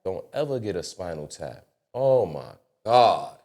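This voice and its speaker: A man telling a personal story as a guest on a casual studio talk show, profane and animated. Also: deep voice, measured pace. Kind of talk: casual podcast chat. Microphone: studio mic.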